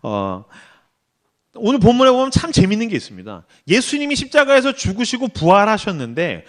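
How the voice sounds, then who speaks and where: A man preaching a sermon in an animated, blunt way with casual slang. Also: sits high, a little fast.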